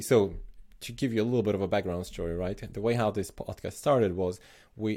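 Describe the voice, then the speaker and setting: A man from Slovenia with a low, mellow voice chats on a podcast. He talks thoughtfully, stopping and restarting his sentences as he works out what he means. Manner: thoughtful, many restarts and self-corrections. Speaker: podcast host. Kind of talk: casual podcast chat.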